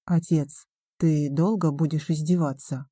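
A resentful teenage son confronting his father, as a woman narrator puts him on. His retorts are blunt. The voice stays low and dark. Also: fairly even intonation, a little slow, slightly rough, dry recording.

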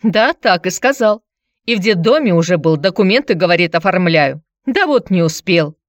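A woman doing a sharp-tongued drinking woman. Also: animated, normal speed, dry recording, lo-fi sound, close to an everyday voice. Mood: indignant. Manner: snappish, sarcastic, shrill when riled.

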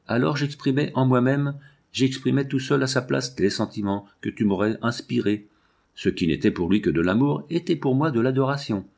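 A man's voice: mid-range voice, vocal fry, a little mellow. A man reading an audiobook, voicing a melancholy, reflective aging poet in an earnest, musing delivery. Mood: yearning.

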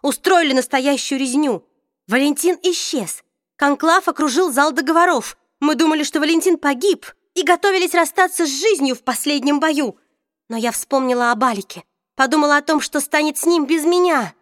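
A woman's voice: high-pitched, normal speed, no echo, clean studio sound, voice pushed up, natural voice. A woman reading an audiobook, voicing a bitter, proud middle-aged woman who accuses and argues intensely. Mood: bitter, heated.

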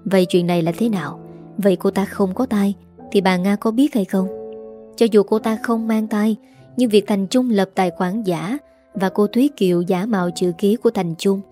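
A woman's voice: mid-range voice, fairly even intonation, moderate pace, dark tone, soft background music. A woman reading a serialized drama story aloud, voicing every character in her own voice. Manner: reads every character herself with small voice shifts.

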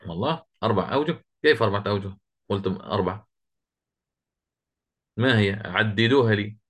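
A man teaching a Quran recitation lesson, quizzing his students and chanting the verses he quotes slowly. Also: lowish voice, animated, fairly bright tone, husky.

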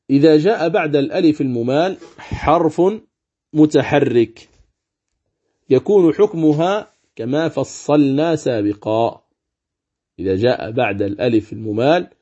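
A man teaching Quran recitation rules, explaining calmly and chanting example words slowly. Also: medium pitch, slightly rough. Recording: dull lo-fi recording.

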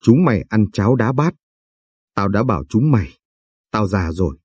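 A man doing an irate old father-in-law in an audio storybook, berating his family in fast, heated outbursts. The voice is low, dark and husky, with a dry, close sound. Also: sing-song, no echo. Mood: furious. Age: older. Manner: angry scolding, rapid tirades. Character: hot-tempered elderly father-in-law, scolding.

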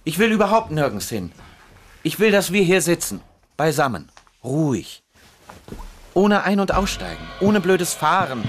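A man's voice: a little high, very animated, a little slow, pauses often. An actor in a radio drama playing an anxious man who wants to stay home and keep everyone near.

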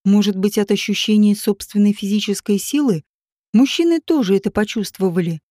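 A woman narrating an audiobook in a steady, even reading voice. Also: mid-range voice, brisk, no echo, studio quality.

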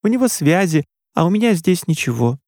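Tearful mother in a high strained voice, a male reader doing her, dry close read. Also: big pitch swings, brisk, a little mellow, no room sound. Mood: upset. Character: distraught sobbing mother, middle-aged woman.

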